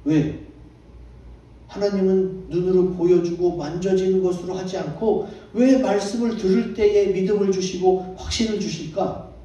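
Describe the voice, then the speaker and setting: Man, pastor, sermon, high voice, dark mellow tone, echoey church hall, distant mic. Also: fairly even intonation, normal speed, lo-fi sound. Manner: asks the congregation questions and answers them himself. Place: church sanctuary.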